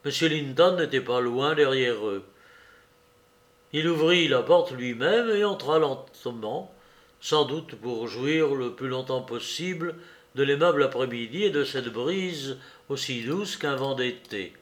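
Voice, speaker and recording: Slow, measured male audiobook narrator. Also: mid-range voice, animated. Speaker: audiobook reader. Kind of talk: literary narration.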